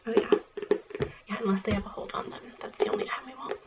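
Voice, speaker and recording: A woman doing a whispered role-play as a friendly, chatty small-town librarian, speaking in a soft, murmured library whisper. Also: mid-range voice, flat delivery, quick pace. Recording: distant, muffled, clearly noisy recording.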